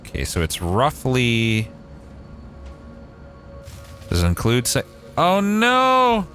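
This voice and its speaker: A young Canadian man with a Maritime accent streams a game, thinking aloud and swearing casually in relaxed livestream chat. His medium-pitched voice swings hugely in pitch, moves slowly, and sounds a bit bright, with soft music in the background.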